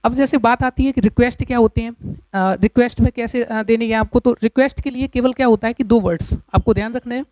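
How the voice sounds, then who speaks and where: A man teaching English grammar in a lecture, explaining patiently with pauses and repeated examples. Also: very high voice, steady tone, darkish tone, dry recording. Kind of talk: classroom lecture. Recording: dull, dry lo-fi recording.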